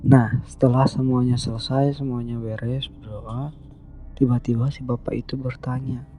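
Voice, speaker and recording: Guy narrating a spooky true story, mid pitch, slow and halting, soft music behind. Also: flat delivery. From West Java, Indonesia. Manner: unhurried, hesitant telling with frequent pauses. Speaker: horror storyteller. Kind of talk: first-person horror story narration.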